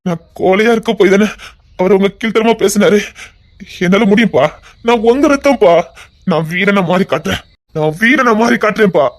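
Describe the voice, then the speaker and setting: An actor playing a remorseful young son who makes earnest, emphatic vows, with a fairly high voice. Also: male voice, a little fast. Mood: determined. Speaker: actor in a television serial. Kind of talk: television drama acting.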